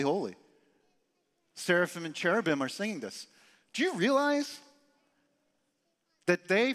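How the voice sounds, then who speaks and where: A man preaching a sermon as pastor, emphatic and animated, sometimes dropping his voice very low and soft. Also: long reverb tail. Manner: animated, emphatic preaching with dramatic drops to quiet.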